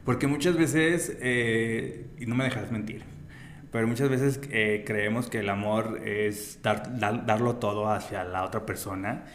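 A man's voice: fairly low pitch, fairly even intonation, unhurried, slight background noise. A man with a Mexican accent, telling personal stories as an interview guest in casual, slang-filled chat. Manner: slangy storyteller, peppers speech with güey. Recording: roomy echo, faint ambience.

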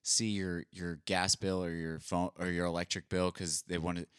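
A man's voice: deep voice, moderate pace, smooth, no room sound, clean studio sound. A young adult man co-hosting a podcast, telling stories in casual chat and acting out what other people said. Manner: animated storyteller, acts out quoted dialogue. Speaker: podcast co-host.

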